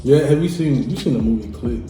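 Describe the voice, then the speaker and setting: With a medium-pitched, dark-toned voice that is expressive and brisk, a young vlog host leads a food challenge, frequently laughing, joking and teasing his guest in casual mukbang chat. Music plays behind him, and the distant mic picks up an echoey room.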